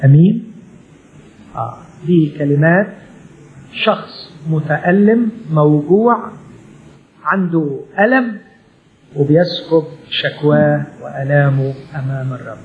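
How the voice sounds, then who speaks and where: Man, Egyptian Arabic accent, sermon, high voice, first-person prayer with hushed drops. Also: a little slow, pauses often, phone-quality sound, a little hiss or hum. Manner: voicing prayer in first person, dropping to a hush. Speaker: pastor.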